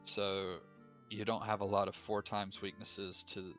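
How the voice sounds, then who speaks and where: Brief: young male coach, low pitch with a bright edge, eager and chatty, faint music under. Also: little pitch movement, a little slow. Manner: enthusiastic, explains with restarts. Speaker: league coach. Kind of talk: casual stream chat.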